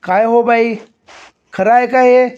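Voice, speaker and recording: A man's voice: extremely high pitch, steady tone, slow, darkish tone, clean tone, highs cut off, voice pushed up. A man doing a heated village council head. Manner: raised voice, heated questioning.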